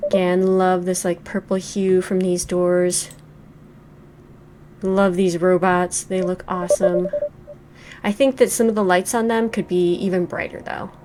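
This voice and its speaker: A game reviewer in her forties offers casual, thoughtful let's play commentary on the game she's playing, full of ums and likes. Her voice is fairly low and a little mellow, with a flat, slightly slow delivery and slight background noise.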